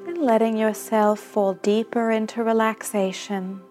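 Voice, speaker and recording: A woman narrating a guided meditation in a soft, soothing manner with long pauses between phrases. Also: on the high side, little pitch movement. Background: background music.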